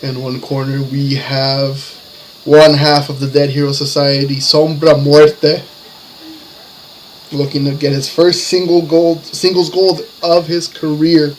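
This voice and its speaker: A man's voice: on the high side, level tone, takes it slowly, slight background noise, poor audio. A man working as a lucha libre announcer, calling wrestling play-by-play in short, building phrases. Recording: music behind the commentary. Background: music.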